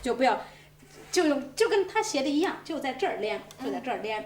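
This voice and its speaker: A woman from Xinjiang coaching a singer, talking lively and chuckling, breaking into sung examples. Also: high-pitched, fast. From Xinjiang, China. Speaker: voice teacher. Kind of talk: masterclass coaching. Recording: roomy hall, distant mic.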